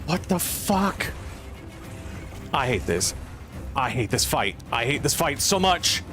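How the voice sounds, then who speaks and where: Exasperated man gaming, pitch swinging widely. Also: very animated, moderate pace, music in the background. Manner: exasperated, profane venting, repeats phrases for emphasis. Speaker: gamer, streamer playing a healer. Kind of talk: live gameplay commentary.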